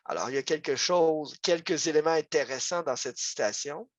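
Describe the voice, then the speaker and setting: Speaking briskly in a slightly high voice, a man with a Quebec French accent lectures on local history over a video call. His delivery is conversational, peppered with fillers and tangents. There is no echo.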